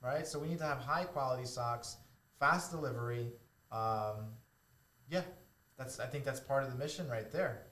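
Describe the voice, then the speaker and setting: A man's voice: medium pitch, moderate pace, a bit bright, reverberant. A man with a Boston accent co-hosting a podcast, chatting casually and joking between points. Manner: joking, laughs often. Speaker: podcast co-host. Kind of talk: casual chat.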